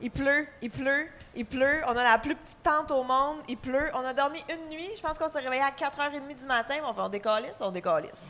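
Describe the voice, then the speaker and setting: Bright high Québécois woman, casual. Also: fairly quick, hardly any pauses. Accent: Québécois French. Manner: casual, laughing storytelling. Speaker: podcast co-host. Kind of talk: live podcast chat.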